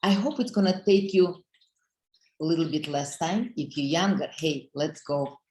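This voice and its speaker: A woman's voice: low-pitched, a little slow, a little mellow, echoey room, poor audio. A middle-aged woman from Russia with a Russian accent, giving an earnest, encouraging motivational talk to her team in slightly broken English. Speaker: business leader speaking on a team call.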